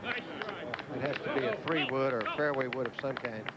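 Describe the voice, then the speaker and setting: A man's voice: mid-range voice, sing-song, normal speed. Folksy male golf commentator, noisy outdoors. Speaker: golf analyst. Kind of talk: informal live golf commentary. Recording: loud outdoor ambient noise behind.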